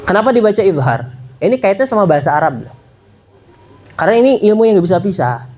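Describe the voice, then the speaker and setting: A man giving a casual tajwid lesson, quizzing his listeners and sounding out letters slowly. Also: high voice. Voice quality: animated, quizzing the audience, demonstrating sounds slowly. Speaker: Quran recitation teacher.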